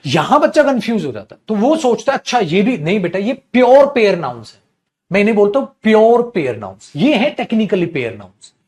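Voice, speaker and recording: High-voiced male teacher, repeating points. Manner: calls students "beta", repeats key terms; acts out students and mummy in little scenes. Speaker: English grammar teacher. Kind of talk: online class lecture. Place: streaming class, checking live comments.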